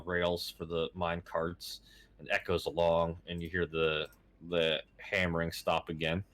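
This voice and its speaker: Deep-voiced man running a tabletop game. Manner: halting, with many fillers and chuckles. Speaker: game master.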